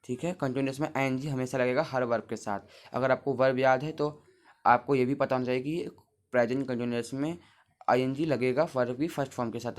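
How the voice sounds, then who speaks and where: Patient male teacher explaining step by step. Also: medium pitch. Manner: patient, explains step by step, spells words out letter by letter; talks to the class as children. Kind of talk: Hindi grammar lesson at a board.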